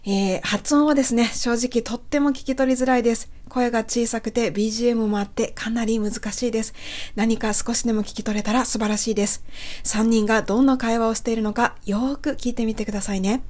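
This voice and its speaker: A woman with a fairly high voice hosts a spoken English lesson. She explains each phrase patiently and carefully, step by step, like a teacher on a radio show. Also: fairly even intonation, fast, darkish tone.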